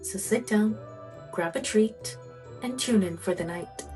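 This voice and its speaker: A woman narrating a spooky folk tale as a storyteller, slow and suspenseful, lingering on pauses. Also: medium pitch, over loud music, rough recording.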